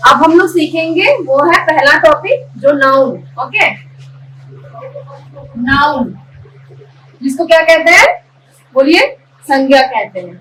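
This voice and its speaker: A woman's voice: sits high, expressive, slow pace, long pauses, fairly bright tone, slight background noise. A woman teaching a spoken English class. She spells words out letter by letter, breaks them into syllables and keeps checking that her students are following. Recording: echoey room, voice picked up from a distance.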